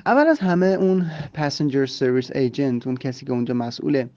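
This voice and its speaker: A man hosting a podcast English lesson, explaining and repeating phrases slowly so listeners can drill them. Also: medium pitch, lively intonation, warm tone, no echo. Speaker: English teacher and podcast host. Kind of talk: language lesson. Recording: slightly dull lo-fi recording.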